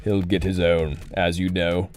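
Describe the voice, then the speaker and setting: A man's voice: deep voice, level tone, measured pace, darkish tone, faint music behind. A man streaming live, talking into a cup for a muffled effect and making mock-grand, herald-style announcements. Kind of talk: live stream chat during ad break.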